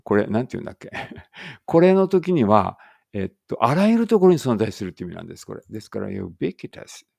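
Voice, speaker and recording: A man with a low, gravelly voice runs a relaxed read-aloud English lesson. He thinks out loud and corrects himself as he goes, then reads each English line slowly and carefully. His voice sounds close and dry, with no room around it. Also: dry recording. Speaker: English teacher.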